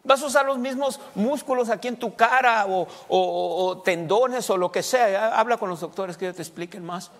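A man's voice: high-pitched, moderate pace, hardly any pauses, fairly bright tone. A male pastor preaching a folksy, conversational sermon, repeating words and quizzing the congregation. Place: church hall. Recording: long church hall reverb.

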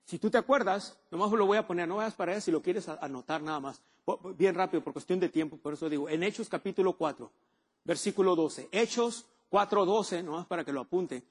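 A man's voice: sits high, fairly quick, husky. A man preaching a sermon, emphatic and often asking the congregation questions. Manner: emphatic, asks the audience questions.

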